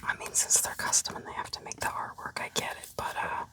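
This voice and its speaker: Hushed and unhurried, a woman whispers her way through an ASMR unboxing, her commentary drifting like thoughts spoken to herself. She's the host of the unboxing video.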